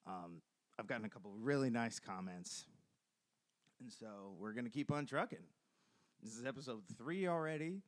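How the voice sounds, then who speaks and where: A man's voice: mid-range voice, expressive, normal speed, long pauses. A young man hosting a casual solo podcast, talking in a rambling, enthusiastic way with plenty of fillers and restarts. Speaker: podcast host.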